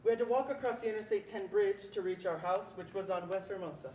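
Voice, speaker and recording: A student performer in readers theatre plays a protective older brother recalling his childhood, in a solemn, remembering mood. The voice is medium-pitched, fast, and darkish, close to an everyday voice. The room is echoey, with faint background noise.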